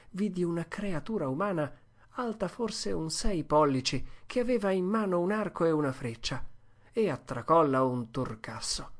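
A narrator giving a steady, expressive first-person reading of a classic adventure story as an audiobook. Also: medium pitch.

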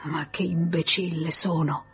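A woman reading an audiobook, voicing a cynical man who mutters reproaches to himself in a low, breathy voice. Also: fairly even intonation, unhurried, exaggerated voice. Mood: bitter. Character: brooding man, a cynical lover doubting himself.

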